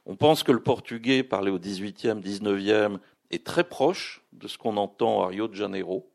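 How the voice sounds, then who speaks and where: A man's voice: fairly low pitch, expressive, moderate pace, gravelly, a little mellow. A man speaking as a guest at a literary festival, explaining at length with many hesitations and restarts. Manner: discursive, full of hesitations and restarts. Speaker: publisher and translator, guest speaker. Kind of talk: public talk at a literary festival.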